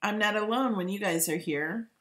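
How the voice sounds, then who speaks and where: A woman with a medium-pitched voice hosts a casual live stream. She talks informally, as if thinking aloud, and addresses her viewers directly in a chatty way. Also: normal speed, fairly bright tone.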